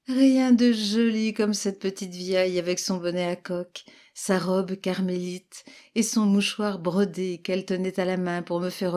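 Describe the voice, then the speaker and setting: A woman reading a classic tale aloud as narrator, with expressive storytelling. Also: medium pitch. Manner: expressive storytelling with lively exclamations. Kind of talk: literary audiobook reading.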